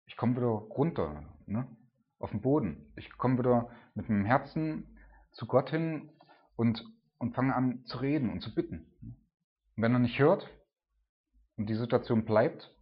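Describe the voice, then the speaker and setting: A man giving a sermon in a loose, conversational way, often adding "ne?" and rising to loud cries when he retells dramatic scenes. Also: mid-range voice, animated, a little slow, long pauses, lo-fi sound. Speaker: preacher.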